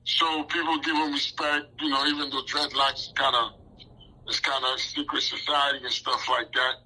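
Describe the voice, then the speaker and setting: A man in his forties, born in Haiti, talks through his answers in a loose, rambling way. He leans on frequent fillers and restarts. His voice is very bright and tense, at a middle pitch. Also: flat delivery, normal speed, husky, rough recording. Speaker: interview guest. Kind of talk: casual interview talk.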